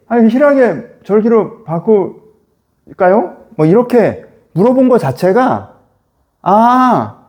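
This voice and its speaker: A man's voice: sits high, dark tone. A male pastor teaching a Bible reading in a casual, conversational way, often turning to listeners with rhetorical questions.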